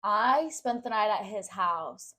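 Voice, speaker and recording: A woman's voice: mid-range voice, animated, slow pace, pushed and bright. A young woman co-hosting a podcast, telling a story in rambling casual chat with lots of fillers. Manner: rambling, filler-heavy, with frequent "like". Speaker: podcast co-host.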